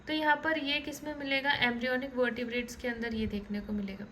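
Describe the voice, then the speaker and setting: A high-voiced woman teaching a class as she walks through diagrams. She talks in a relaxed, conversational way, checking in with listeners and restarting words mid-thought. A faint room hum sits behind her voice. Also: fast talker, rough recording. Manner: repeats "ठीक है" often, restarts words. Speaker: biology teacher. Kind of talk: online lecture explaining diagrams.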